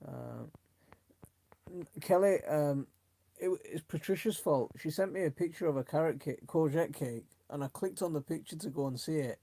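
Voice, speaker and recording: Slightly high and creaky yet mellow, the voice moves at a moderate pace with no room sound. It belongs to a middle-aged live stream host from South Yorkshire with a Yorkshire accent, who rambles informally and reads out comments chummily.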